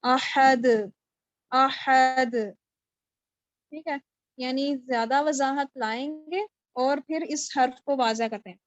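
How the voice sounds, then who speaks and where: A woman with a high-sitting voice teaches an online tajweed lesson from home over a video call, patiently explaining Quran recitation and checking that her students follow. The video call mic gives a dry sound with no room reverb and the highs cut off.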